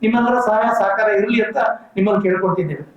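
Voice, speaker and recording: High-voiced man, echoey distant appeal. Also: very fast. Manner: earnest, persuasive, lists names and figures. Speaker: community organizer speaking at a press meet. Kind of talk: formal public appeal. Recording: echoey room, distant mic, dull sound.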